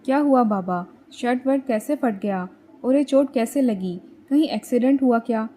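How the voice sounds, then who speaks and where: A woman voicing a brash, quick-tempered young male student friend who talks in rough, teasing slang. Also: on the high side, warm tone, natural voice. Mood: worried.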